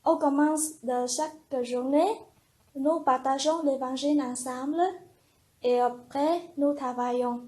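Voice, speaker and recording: A young religious sister speaks slowly in a fairly high voice. She gives an earnest personal testimony in plain, simple sentences, unhurried and sincere. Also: darkish tone. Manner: slow, earnest, simple phrasing.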